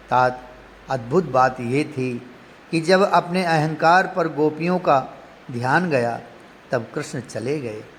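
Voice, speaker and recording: A man preaching a devotional story in a measured, emotive way, often addressing the listener directly. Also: a little high. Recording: long hall reverb, faint background noise.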